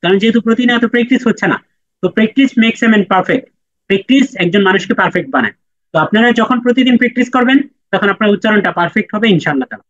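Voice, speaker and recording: A man's voice: high-pitched, lively intonation, fast talker, fairly bright tone. A man teaching Quran letter pronunciation in a lesson, patiently repeating each sound for students to echo. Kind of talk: online class lesson. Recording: dry, dull lo-fi sound.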